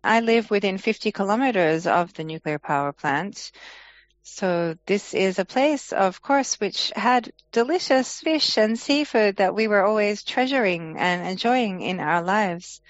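Woman interpreter, translation voice-over, earnest, measured, dry close sound, muffled lo-fi recording. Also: mid-range voice, lively intonation, no echo. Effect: translation voice-over of a speaker. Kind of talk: interpreting a forum speech. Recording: dull lo-fi online forum audio.

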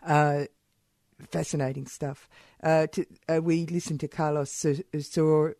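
A man's voice: a little high, level tone, a little slow, mellow, dry recording, studio quality. A man hosting a radio show in an unscripted way, hesitant and often searching for words.

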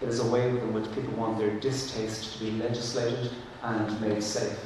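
Speaking from a distance in an echoey hall, an Irish man from Ireland, whose first language is Irish, talks earnestly and thoughtfully on a panel, often restarting his sentences. His voice is on the low side with a flat delivery at a normal speed, and there's background noise.

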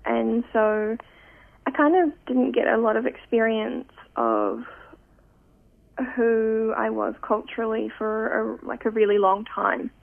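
A young woman talks in a slow, reflective way, often pausing to find the right words. Her voice carries a gravelly fry, and it comes through thin and phone-like. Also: a little high, lively intonation. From New Zealand. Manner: thoughtful, searching, many pauses. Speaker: photographic artist, guest. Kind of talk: reflective interview talk. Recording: tinny phone-line sound.

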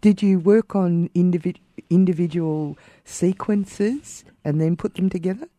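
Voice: mid-range voice, measured pace, warm tone, dry recording. A community radio host interviewing a guest, eager, with short interjections.

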